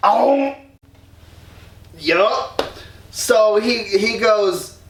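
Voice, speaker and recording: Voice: medium pitch, animated, takes it slowly, a bit bright. A storyteller retelling a myth while drinking, rambling and slangy. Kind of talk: drunken comic myth retelling. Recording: roomy echo, distant mic.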